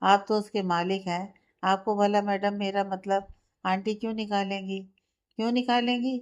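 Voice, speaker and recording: Storybook: sharp-tongued, stubborn young student wife, read by a woman. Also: medium pitch, little pitch movement, moderate pace, natural voice. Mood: teasing. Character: stubborn, tired young woman studying for exams.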